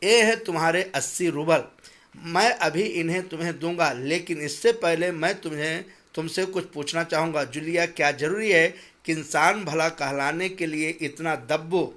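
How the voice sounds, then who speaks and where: A stern, calculating master of the house who tallies every coin aloud and lectures with heavy, deliberate emphasis, as a man voices him while reading a school story. His voice sits a little high for a man and turns sharp and stammering when his anger boils over. The figure is drawn plainly, close to the reader's own voice. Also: lightly acted. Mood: lecturing. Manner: pedantic, then shouting and stammering in anger.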